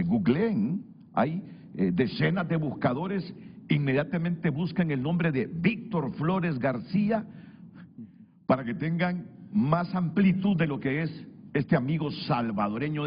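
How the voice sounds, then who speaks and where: A man moderating a televised panel discussion, addressing viewers directly in an animated, promotional way. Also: mid-range voice, slight background noise. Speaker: TV talk show moderator. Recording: dull lo-fi broadcast audio.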